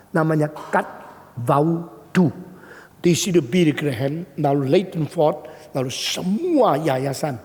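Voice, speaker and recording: A man preaching a sermon as a pastor, telling a story with animated delivery. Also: a little high. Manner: animated storytelling, acting out quoted voices. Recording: long hall reverb.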